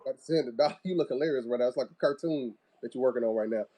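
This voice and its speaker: An easygoing man hosts a church talk show from a video call. His talk is loose and rambling, full of "uh" and "um". The voice sits at an ordinary middle pitch. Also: very fast, heavy background noise. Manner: relaxed, rambling, many fillers. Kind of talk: casual live-stream chat.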